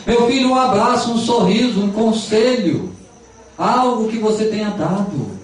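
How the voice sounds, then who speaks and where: A man with a Brazilian accent voicing a gentle, fatherly male guardian angel who coaxes and pleads, recorded as an echoey hall sound from far off. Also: sits high, lively intonation, normal speed, a little hiss or hum, pitched above the performer's own voice. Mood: coaxing. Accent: Brazilian Portuguese. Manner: fatherly, coaxing, increasingly anxious.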